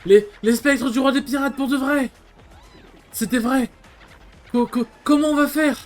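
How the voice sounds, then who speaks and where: A man voicing a pompous, cowardly nobleman captain in a video game, stammering and shrill when he is scared. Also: a little fast, faint music behind, lightly acted. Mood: panicked.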